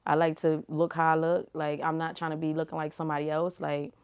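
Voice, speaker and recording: A woman's voice: low-pitched, little pitch movement, quick pace, smooth, highs cut off. A young woman giving casual, slangy answers as an interview guest, laid-back and full of "like" and "you feel me". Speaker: rapper and reality TV personality, guest.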